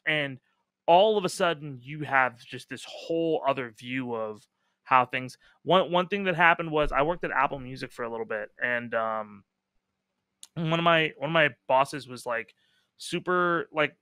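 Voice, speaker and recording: Bright, dry-voiced podcast host man. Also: a little high, clean tone, no echo. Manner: emphatic, swears casually, many fillers. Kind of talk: casual podcast chat.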